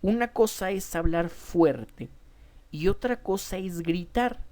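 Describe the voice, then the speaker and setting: A woman with a Mexican Spanish accent leads a public speaking lesson as a teacher. Her voice sits low and sounds mellow and relaxed. She speaks emphatically to her students, often repeating a word as she restarts. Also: takes it slowly.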